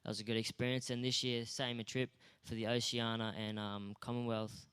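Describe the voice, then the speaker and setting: A man's voice: mid-range voice, level tone, fairly quick, fairly bright tone, smooth. A young Australian man being interviewed on stage at a school awards night, talking in a modest, laid-back, rambling way. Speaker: guest athlete.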